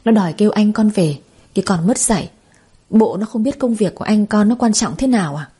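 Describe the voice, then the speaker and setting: A spiteful middle-aged mother-in-law with a sharp, insulting tongue, as a woman storyteller puts her on. The voice is warm and low-toned, a little husky, even as she scolds. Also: fairly quick. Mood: scornful scolding.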